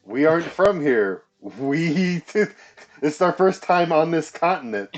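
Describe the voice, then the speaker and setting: A man's voice: fairly high pitch, lively intonation, slow pace, dull audio, a little hiss or hum. A man speaking casually in character as a player in a tabletop game.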